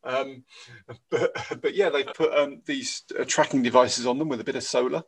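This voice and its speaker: A man co-hosting a relaxed news chat in a husky voice with a gravelly edge. He talks haltingly, full of ums, and often trails off to a murmur. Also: mid-range voice. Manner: hesitant, many ums and uhs, trailing off softly. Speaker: podcast co-host.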